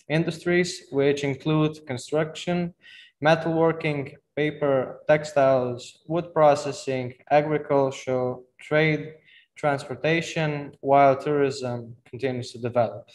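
Slow teenage boy with Slovenian accent. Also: on the high side, fairly even intonation. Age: teens. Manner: slow, reading slides, small slips and self-corrections. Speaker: student presenter. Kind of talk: presentation on a video call. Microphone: video call.

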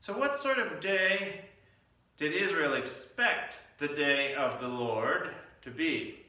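A man's voice: on the high side, lively intonation, slow pace, bright, forceful tone. A male pastor preaching a midweek Lenten sermon, telling stories with asides and small restarts. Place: church sanctuary. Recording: echoey church sanctuary, mic at a distance.

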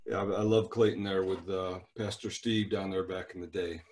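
A man's voice: sits low, normal speed. A middle-aged man hosting a church youth leaders' video call, chatting casually and introducing people. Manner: relaxed, chatty, many fillers.

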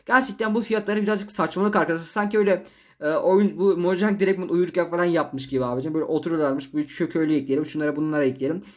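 A man giving casual, chatty gameplay commentary as a gaming YouTuber, excitable and slangy. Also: high voice.

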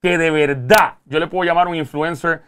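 A man's voice: fairly high pitch, fairly even intonation, moderate pace, fairly bright tone, smooth. A man with a Puerto Rican accent hosting a casual interview, joking around and bantering in slang. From Puerto Rico. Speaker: host.

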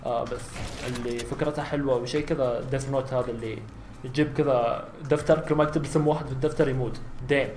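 Young Saudi streamer, 19, Saudi accent, rapid chatty delivery, roomy home setup. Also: male voice, medium pitch, fairly even intonation. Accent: Saudi Arabic. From Saudi Arabia. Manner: chatty, bursts into loud exclamations during fights. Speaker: gaming YouTuber. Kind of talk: casual gameplay commentary with Q&A. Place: small room at home, seen on facecam.

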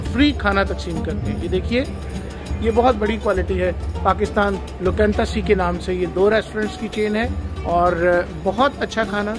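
A man from Pakistan with a fairly high voice runs a street vlog, speaking chattily into a handheld phone outdoors. Music plays clearly under his words, and he keeps nodding along with quick affirmations. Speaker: vlogger and interviewer. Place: street outside a restaurant, outdoors. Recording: background music over vlog.

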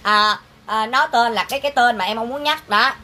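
A vlogger, ranting to viewers in an exasperated, sharp-tongued, scolding way about fake orders. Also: female voice, fairly high pitch, brisk. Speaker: vlogger selling goods online. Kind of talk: angry casual rant to viewers.

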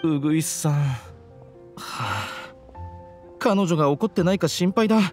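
A man's voice: on the high side, big pitch swings, a little slow, a little mellow. A man voicing an anxious, dejected young student in an anime game, hesitant and earnest. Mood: worried. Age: young adult. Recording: music under the voice.

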